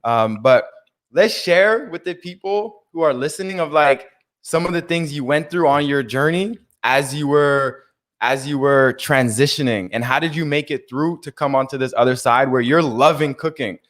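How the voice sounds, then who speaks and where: A man's voice: on the high side, moderate pace, a bit bright. A man hosting a live stream talk, laid-back and encouraging, with Rasta greetings. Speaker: host. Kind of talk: casual conversation on a live stream.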